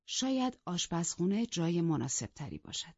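A cold, aloof gentleman of a country house, curt and grumbling in his speech, as a woman reader puts him on. Her voice stays low and husky, recorded dry and slightly dull. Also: big pitch swings, no room sound. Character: stiff, sulky gentleman husband, cold and aloof. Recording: dull, dry lo-fi studio audio.

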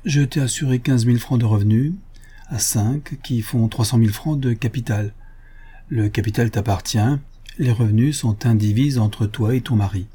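A man playing a devoted older father who turns indignant and forceful when roused. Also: mid-range voice, moderate pace, slightly rough, natural voice. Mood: indulgent.

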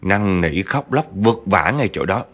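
A man with a low, lively, unhurried voice, fairly bright and slightly breathy, chattily narrates a true spooky family story. He often speaks straight to his listeners.

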